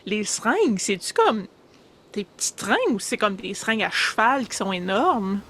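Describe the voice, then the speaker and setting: A woman's voice: mid-range voice, very animated, normal speed, fairly bright tone, slightly rough. Playful Quebec French woman player. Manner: playful, laughing, slangy. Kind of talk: casual tabletop role-play.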